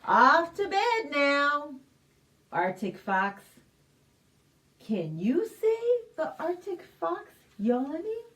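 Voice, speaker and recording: A high-pitched storytime reader at a children's library reads a picture book extremely slowly to young kids. Her sing-song delivery is expressive and includes questions to the audience, and she's picked up at a distance from the microphone.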